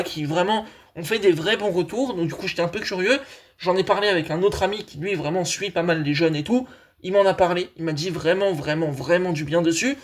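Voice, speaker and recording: High-voiced chatty football analyst man. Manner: chatty, enthusiastic, addresses viewers as friends. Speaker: football channel host. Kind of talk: casual analysis monologue.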